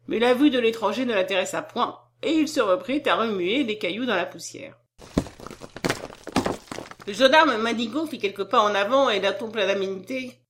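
Measured female audiobook narrator. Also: fairly high pitch. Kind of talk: scripted narration of a classic novel.

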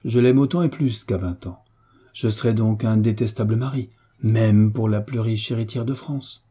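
A pleasure-loving young aristocrat refuses his mother gently but firmly, as read by a male narrator. His voice is very dark and mellow, with a husky edge. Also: on the low side, normal speed. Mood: defiant. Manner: calm, tender, quietly defiant. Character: carefree young nobleman, gentle but firm son.

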